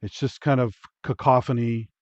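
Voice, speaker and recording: A man's voice: medium pitch, fairly even intonation, moderate pace, a little mellow, no echo. A man giving casual, critical film commentary as co-host of a watch-along, bluntly saying what he dislikes. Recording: dull lo-fi audio.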